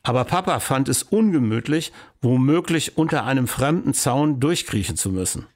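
A man calmly reading a children's storybook aloud as narrator. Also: mid-range voice, moderate pace.

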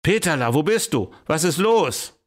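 A man's voice: fairly high pitch, big pitch swings, moderate pace, pitched above the performer's own voice. A man voicing a fussy, scolding father. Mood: alarmed. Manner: scolding, dismissive. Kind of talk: storybook reading.

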